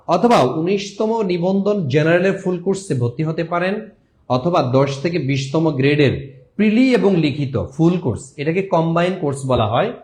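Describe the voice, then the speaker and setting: A man teaching an exam-prep lesson, repeating words and chanting memory tricks. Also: on the high side. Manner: lively, sing-song mnemonics, repeats words.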